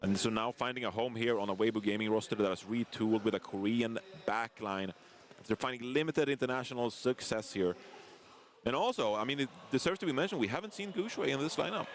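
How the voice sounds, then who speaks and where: Energetic male esports caster. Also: medium pitch, fairly quick, a little hiss or hum. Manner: energetic, analytical play-by-play with banter. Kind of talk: esports commentary.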